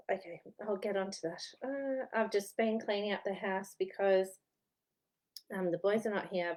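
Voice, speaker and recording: A woman in her thirties with an Australian accent and a slightly worn, medium-pitched, darkish voice chats from home. She's a historian giving study tips in a casual vlog, rambling along chattily and laughing at herself.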